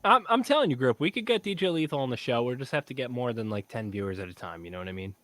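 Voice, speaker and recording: A tipsy man rambles and swears through a casual livestream as co-host. His pitch swoops all over as he gets excited, and the sound is dry and close. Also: quick pace, no echo. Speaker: podcast co-host.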